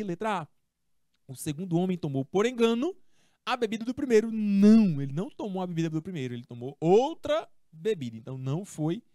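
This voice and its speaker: A woman's voice: fairly low pitch, warm tone, no room sound, studio quality. A Brazilian woman teaching English, explaining in a chatty way and asking herself her pupils' questions before answering them. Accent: Brazilian Portuguese. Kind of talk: classroom explanation of a text.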